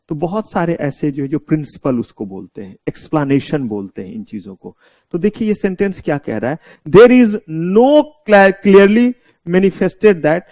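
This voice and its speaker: A man's voice: fairly high pitch, a little mellow, dry recording. A man with an Indian accent giving a law lecture, asking his students rhetorical questions and mixing English terms into his explanations. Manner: mixes English terms into Hindi. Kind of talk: classroom lecture.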